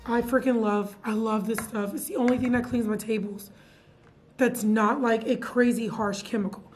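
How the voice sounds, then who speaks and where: A young woman, a teacher chatting casually to camera in her classroom, animated and full of fillers. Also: fairly high pitch, normal speed, a little hiss or hum. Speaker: middle school science teacher. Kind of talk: casual vlog chat. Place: classroom, indoors.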